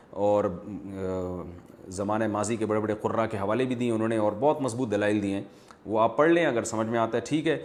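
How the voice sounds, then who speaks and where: A man speaking as an Islamic scholar, answering viewer questions in a measured, explanatory, teacherly way. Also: fairly low pitch. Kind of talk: religious Q&A lecture.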